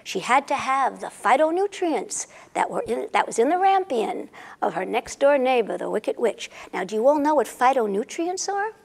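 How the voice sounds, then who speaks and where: A woman storyteller spins a comic fairy tale for a live crowd, playful and theatrical, pausing to quiz her listeners. Her voice is high and swoops all over, with a gravelly rasp underneath. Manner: animated and playful, quizzing the audience. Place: rehearsal and recording studio with a live audience.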